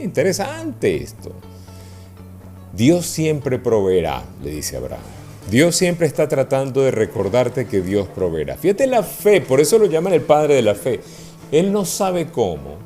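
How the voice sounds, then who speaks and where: A man's voice: medium pitch, measured pace, faint music behind. A man preaching a sermon to a congregation, checking in with them as he goes. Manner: animated, asks the congregation questions.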